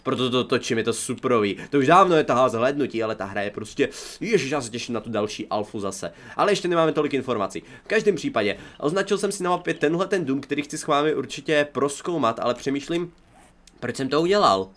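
A young man talks his way through a survival game as he plays. He is chatty and joking, and keeps breaking into excited exclamations. His voice sits at an ordinary middle pitch. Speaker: gaming YouTuber. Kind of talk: let's play commentary.

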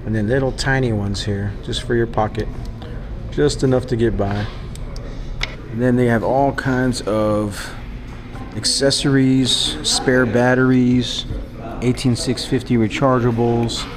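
A head-mounted action camera records a man browsing an indoor retail store, chatting to himself and occasionally exclaiming at what he sees. His medium-pitched voice stays steady and measured against background noise, in the style of a vlogger's casual product walkthrough.

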